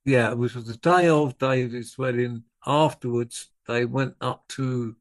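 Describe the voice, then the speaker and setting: An older man, a drummer appearing as a guest, tells rambling anecdotes in relaxed conversation, often correcting himself. His mid-range voice is steady and unhurried.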